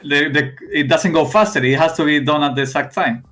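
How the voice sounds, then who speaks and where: A young man from Spain with a thick Spanish accent, a guest in a casual interview, talking haltingly with many restarts and fillers. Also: on the high side, fairly bright tone, soft background music. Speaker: esports player guest.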